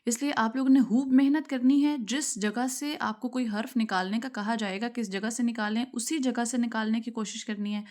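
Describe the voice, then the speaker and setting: A woman leads a Tajweed class from slides. Her voice sits a little high, and she explains patiently, checking in with her listeners. She repeats example words slowly to show how they should sound. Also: fairly even intonation, darkish tone. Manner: patient explaining, checks in with "theek hai" and "sahi hai". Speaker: Tajweed teacher. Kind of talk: online lesson with slides.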